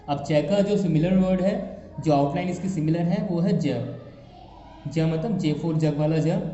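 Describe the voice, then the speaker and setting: A man's voice: fairly high pitch, dark tone, a little hiss or hum. A man explaining shorthand step by step, repeating each point patiently. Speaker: shorthand teacher. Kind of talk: casual step-by-step tutorial. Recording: echoey room, dull lo-fi mic.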